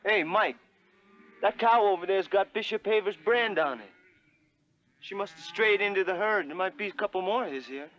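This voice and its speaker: An actor playing an earnest teenage cowhand in a TV western, with an American Western accent. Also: male voice, sits high, moderate pace, a bit bright. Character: earnest teenage farm boy cowhand in the West. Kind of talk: TV western acting. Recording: dull old TV soundtrack, noisy.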